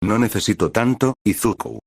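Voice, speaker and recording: A man reading the lines of a tearful worried mother in an even, unchanged voice. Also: on the low side, moderate pace, gravelly, slightly rough, no room sound, clean studio sound. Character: anxious tearful mother, middle-aged woman. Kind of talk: scripted fanfic reading.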